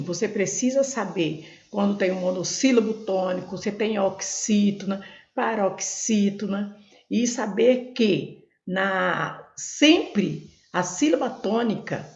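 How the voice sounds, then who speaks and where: A woman tutoring for Portuguese exams, going through questions slowly and repeating each syllable type for her students. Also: medium pitch. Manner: repetitive, spells out syllables, addresses students as gente. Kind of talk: explaining exam questions. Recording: echoey room, dull lo-fi sound.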